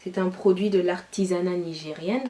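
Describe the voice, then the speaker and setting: A woman's voice: fairly low pitch, steady tone, moderate pace, dark tone. A woman from Niger with a light Nigerien French accent, chatting casually as a YouTuber at home and answering questions with frequent filler phrases. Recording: distant mic with faint hiss.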